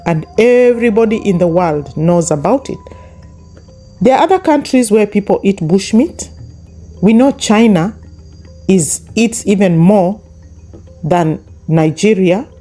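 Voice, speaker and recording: A woman whose first language isn't English gives a YouTube commentary monologue in a warm, mellow, mid-range voice, with soft music behind her. Speaking straight to viewers, she is emphatic and hammers her points home through repetition.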